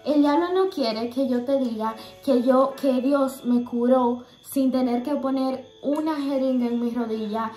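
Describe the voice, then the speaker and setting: High-pitched young woman sharing a faith testimony, earnest and halting, roomy echo. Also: dark tone, faint music behind. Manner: earnest, halting, many fillers and restarts.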